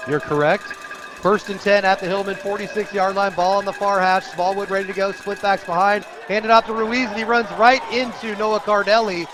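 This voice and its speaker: An American man provides live radio play-by-play at an outdoor high school football game, speaking in a high voice with a steady tone and moderate pace. Loud crowd noise sits behind the stadium broadcast.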